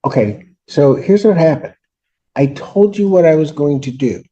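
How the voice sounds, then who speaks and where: A man's voice: fairly high pitch, animated, moderate pace, warm tone, dull audio. A man presiding as a judge in court, curt and admonishing with the parties. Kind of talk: courtroom proceedings.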